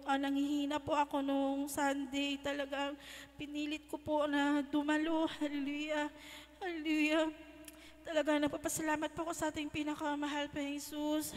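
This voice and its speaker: A young woman giving a religious testimony in a church, halting and polite, with frequent hallelujahs. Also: high voice. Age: young adult. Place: church hall. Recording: long hall reverb.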